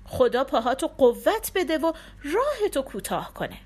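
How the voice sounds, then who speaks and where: A woman's voice: sits high, very animated. Trembling old beggar crone, toothless and kindly, storybook voice, woman putting it on.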